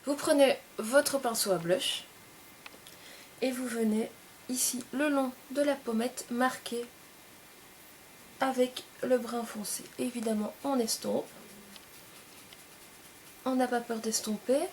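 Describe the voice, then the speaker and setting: A young woman calmly explaining makeup steps in a tutorial, in short, gentle phrases. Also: fairly high pitch, slow, long pauses, a little hiss or hum. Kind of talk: casual step-by-step makeup tutorial.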